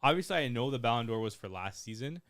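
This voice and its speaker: A man co-hosting a casual football podcast who argues his points in a measured way, often hedging with "I think". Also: medium pitch, expressive, fairly bright tone, no room sound, studio quality. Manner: measured, reasoning, hedges with "I think". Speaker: podcast co-host.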